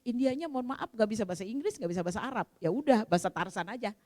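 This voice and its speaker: A woman's voice: a little high, rapid-fire. Chatty woman teacher, reverberant hall. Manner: chatty, animated, laughs and acts out dialogue. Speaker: Islamic women's study teacher. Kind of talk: storytelling religious talk.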